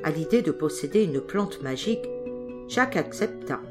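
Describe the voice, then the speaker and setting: A woman narrates a folk tale for an audiobook with expressive storytelling. Her intonation swings widely and her voice sits a little low. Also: normal speed, music in the background. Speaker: audiobook reader.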